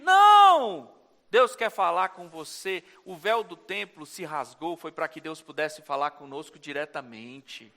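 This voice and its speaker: Animated Brazilian pastor in a reverberant church. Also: male voice, very high voice. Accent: Brazilian Portuguese. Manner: animated preaching, acts out short dialogues. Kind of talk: sermon. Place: church sanctuary.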